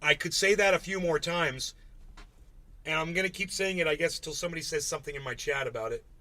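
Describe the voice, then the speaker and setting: Blunt, bright-voiced man streaming casually. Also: fairly high pitch, fast, no room sound. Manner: blunt, swears freely. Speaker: livestream host. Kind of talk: casual livestream monologue to chat.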